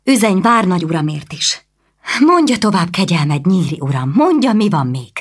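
A woman voicing a fiery fourteen-year-old noble girl, with indignant, fast outbursts, in a storybook reading. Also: fairly low pitch, sing-song, slightly rough, voice pushed up. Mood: commanding.

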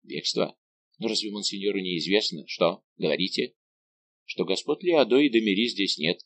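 A man reading an audiobook voices a deferential castle keeper who answers in a low murmur. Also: animated, normal speed, fairly bright tone, dry recording. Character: fawning, anxious male castle keeper.

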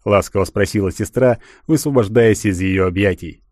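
A man reading a literary audiobook in a measured, even way. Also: on the low side, dry recording, studio quality. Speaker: audiobook narrator.

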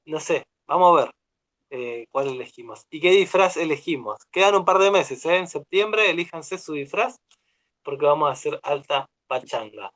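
A young man with an Argentine accent co-hosting a casual radio chat show, rambling and relaxed with many fillers. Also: a little high, normal speed. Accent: Argentine Spanish. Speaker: radio co-host.

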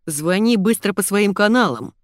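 A woman's voice: mid-range voice, lively intonation, moderate pace, dry recording, clean studio sound, voice pushed up, lightly acted. A woman voicing a brash young man who gives orders brusquely. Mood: impatient. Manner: brusque, commanding.

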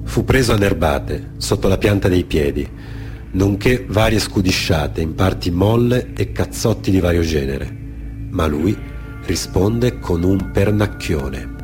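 Deep-voiced, animated and unhurried, this man from Genoa performs dramatic stories on a radio theatre programme as its author-performer. His reflective telling sometimes stops and repeats phrases, and it combines spontaneous anecdotes with read testimony over background music.

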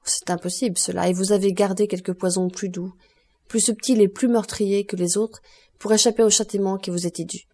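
A woman reading the part of a cold, stern male magistrate who accuses with measured contempt in an audiobook. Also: mid-range voice, steady tone, dark tone, natural voice. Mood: contemptuous.

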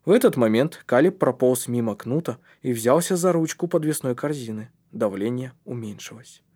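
A man reading a storybook aloud as narrator in a steady, measured way. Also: medium pitch. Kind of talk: audiobook narration.

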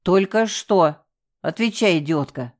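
A woman's voice: fairly low pitch, expressive, unhurried. A woman voicing a stern, cold female castle manager who scolds and threatens a subordinate in an audiobook. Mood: scolding.

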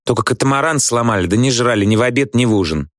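A man voicing a brash, chatty teenage schoolgirl who talks quickly and pushily. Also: mid-range voice, expressive, no room sound, studio quality, voice pushed up, lightly acted. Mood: mocking.

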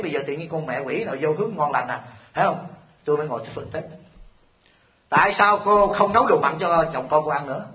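A man giving a Buddhist sermon to an audience, telling stories and firing rhetorical questions at his listeners in an animated, scolding way. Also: high-pitched. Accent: Vietnamese. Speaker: Buddhist monk teacher. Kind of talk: dharma talk sermon. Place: temple hall. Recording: echoey hall, dull lo-fi sound.

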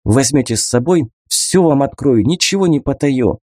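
A man's voice: medium pitch, expressive, moderate pace, warm tone, dry recording, studio quality, pitched above the performer's own voice, lightly acted. A male audiobook reader voicing a sly young woman, a gangster's mistress, who speaks in a mocking, cold, bargaining way.

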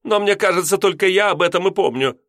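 A man voicing a fussy, proper middle-aged landlady who scolds in a shrill, exclamatory voice. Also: quick pace, a bit bright, no echo, clean studio sound. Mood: scolding.

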